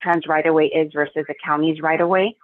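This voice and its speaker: A woman's voice: low voice, fairly even intonation, quick pace, no room sound. A woman calling in as a utility representative, speaking in a hesitant, careful and businesslike way over a glitchy phone call that keeps breaking up. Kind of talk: public meeting remarks by phone. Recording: tinny, breaking-up phone line.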